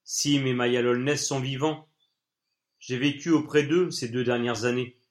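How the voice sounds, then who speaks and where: A man reading an audiobook, voicing a wise old man over 60 who speaks in a calm, grave, measured way. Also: mid-range voice, close to an everyday voice.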